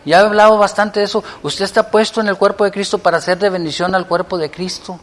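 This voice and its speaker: Male preacher, higher voice, impassioned sermon delivery, reverberant hall. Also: little pitch movement, fast talker. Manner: impassioned preaching, swinging between loud appeals and hushed prayer. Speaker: pastor.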